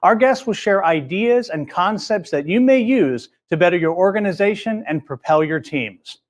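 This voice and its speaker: A man's voice: high-pitched, expressive, moderate pace. A man hosting a business interview show, introducing his guest and asking questions in a friendly, conversational way. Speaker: host.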